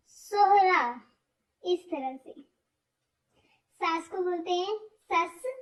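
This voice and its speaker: A woman teaching word lists, slowly repeating each word with stress. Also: very high voice. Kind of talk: explaining vocabulary, slow and repetitive. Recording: voice from far off the mic.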